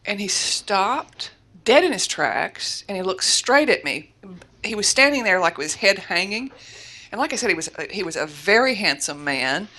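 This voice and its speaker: A woman from Florida, a guest mindset coach, telling a lively story in an interview and correcting herself as she goes. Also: mid-range voice, normal speed. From Florida, USA. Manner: lively storyteller, self-correcting, laughs often.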